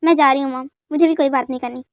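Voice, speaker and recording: A woman doing a sharp-tongued young wife, scolding curtly in a lowered but still high voice. It is read close to the mic in a dry sound. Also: fairly even intonation, very fast, dry recording, muffled recording, natural voice. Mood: annoyed. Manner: curt, scolding.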